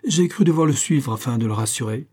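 A man voicing a blustering young gentleman in an audiobook, with a loud, swaggering voice. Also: mid-range voice, expressive, brisk, voice pushed up, close to an everyday voice. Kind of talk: audiobook character voice.

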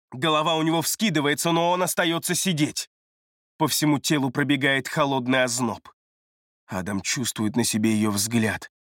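Man, audiobook narrator, measured, steady, middle pitch, dry close mic. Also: no echo. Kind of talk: scripted narration of a thriller. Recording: dry close studio read.

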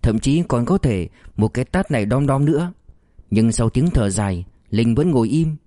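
Mellow male audiobook narrator. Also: medium pitch, no echo, clean studio sound. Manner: measured, expressive storytelling.

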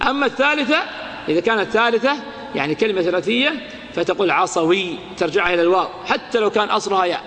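A man teaching grammar to a class, repeating key words and quizzing his students with quick questions. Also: high voice, animated, bright, forceful tone. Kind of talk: classroom lecture explaining a grammar text. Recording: long hall reverb.

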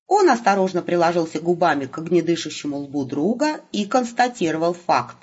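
A woman narrating an audiobook with a lively, ironic storytelling manner. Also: on the low side, brisk, husky. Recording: muffled lo-fi recording.

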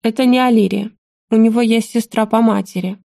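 A woman's voice: fairly high pitch, fairly even intonation, a little fast, creaky, mellow, no echo, studio quality. A woman voicing a snide, mocking old grandfather who needles his family. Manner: snide, teasing.

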